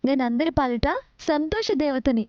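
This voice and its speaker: A woman's voice: high-pitched, moderate pace, a little mellow, no room sound, highs cut off, close to an everyday voice. An actress playing a cheerful young wife who teases her husband in a TV serial. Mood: teasing. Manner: playful, teasing. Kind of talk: TV serial acting.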